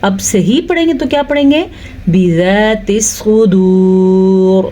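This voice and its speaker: A woman teaching Quran recitation rules, explaining slowly, reciting drawn-out examples and asking if the point is clear. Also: high-pitched, expressive, dark tone, a little hiss or hum. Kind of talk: tajweed lesson with recitation.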